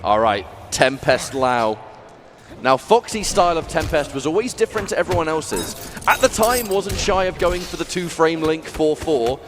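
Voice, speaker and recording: A man commentating live on a fighting game, excitable and quick to exclaim. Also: fairly high pitch, a little hiss or hum. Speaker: esports commentator. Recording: loud music behind, live venue. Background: music and event venue sound.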